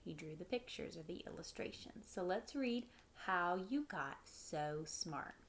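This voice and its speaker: Her voice is on the low side, unhurried, with lively intonation and a touch of background noise. The speaker, a woman in her thirties at home in the living room, reads a picture book expressively as a teacher might, adding quick explanatory notes for children.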